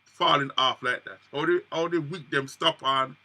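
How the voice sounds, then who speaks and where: A man's voice: fairly high pitch, moderate pace, sharp tone. A man, a co-host doing playful, mock-indignant banter. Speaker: show co-host. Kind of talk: comic banter.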